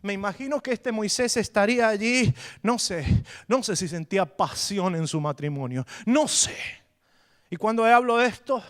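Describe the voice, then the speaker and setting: A middle-aged Argentine pastor preaching a sermon, moving between quiet storytelling and loud, rising preaching. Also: male voice, sits high, expressive, moderate pace. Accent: Argentine Spanish.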